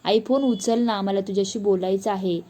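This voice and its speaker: A woman's voice: mid-range voice, fairly even intonation, normal speed, mellow, close to an everyday voice. Woman narrator voicing a tearful pleading young wife.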